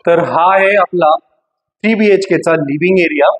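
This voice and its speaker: A man's voice: high voice, normal speed, husky, rough recording. A man guiding a property walkthrough room by room, as a real estate agent. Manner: guiding, pointing things out room by room.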